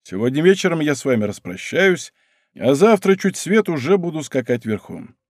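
A man's voice: fairly high pitch, sing-song, moderate pace, no echo, studio quality. A man voicing a dignified older nobleman who speaks in a restrained, courteous way. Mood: calm.

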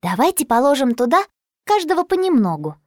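A woman voicing a cheerful young girl who speaks in a bright, gushing, excited way. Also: high-pitched, brisk, no room sound, studio quality, pitched above the performer's own voice. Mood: bubbly.

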